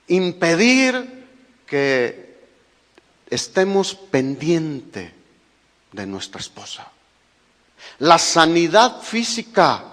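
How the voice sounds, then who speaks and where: Slow-preaching Mexican pastor, echoey hall. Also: male voice, a little high, fairly bright tone. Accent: Mexican Spanish. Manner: emphatic preaching with rhetorical questions to the listeners. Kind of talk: sermon.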